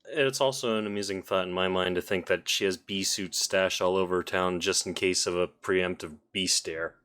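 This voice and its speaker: Low-voiced man in a casual review chat. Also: fairly even intonation, moderate pace, a bit bright. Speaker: podcast co-host.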